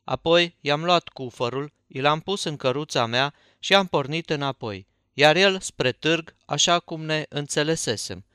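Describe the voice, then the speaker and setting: A man reading a novel aloud in a folksy, even first-person narration. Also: a little high, smooth, no echo, studio quality. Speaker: audiobook narrator.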